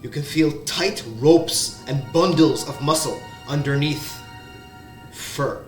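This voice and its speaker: Halting man narrating a tabletop game. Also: fairly high pitch. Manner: slow, halting, with many restarts. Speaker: game master. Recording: roomy sound, faint background music.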